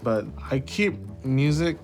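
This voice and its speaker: A man's voice: mid-range voice, expressive, slow, a little mellow, soft background music. A man, a jazz musician speaking thoughtfully in a documentary interview, often hedging with "sort of" and "like". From born in Singapore, raised in New Zealand.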